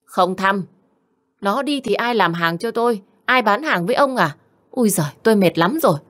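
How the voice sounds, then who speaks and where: A woman's voice: mid-range voice, animated, moderate pace, a bit bright, pitched above the performer's own voice, close to an everyday voice. A woman voicing a stingy older mother-in-law who snaps and scolds in an audiobook. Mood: scolding. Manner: snapping, scolding. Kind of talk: audiobook character voice.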